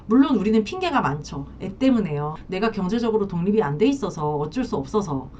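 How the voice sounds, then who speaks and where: A woman counselor giving advice to camera in a casual, animated way, sometimes acting out what spouses say. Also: mid-range voice, a little fast, recorded from a distance, muffled recording, a little hiss or hum. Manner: animated, acts out spouses' lines in quotes. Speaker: marriage counselor.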